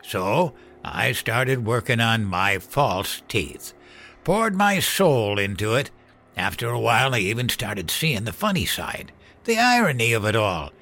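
A man's voice: mid-range voice, very animated, unhurried, pushed and bright, exaggerated voice. An actor playing a bitter old grandfather, a former comedian, telling his story in an audio drama with a weary manner. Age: older.

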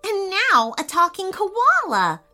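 A woman voicing an eager, excitable young boy in a storybook reading. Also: very high-pitched, slow pace, faint music behind, pitched above the performer's own voice, full character voice. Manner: excited, loud.

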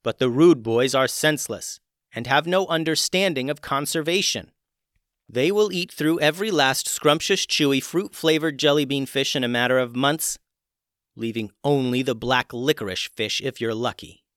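A man voicing a bold young mermaid heroine who makes loud, insistent demands in a storybook tale. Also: mid-range voice, moderate pace, no room sound, clean studio sound, lightly acted. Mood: urgent.

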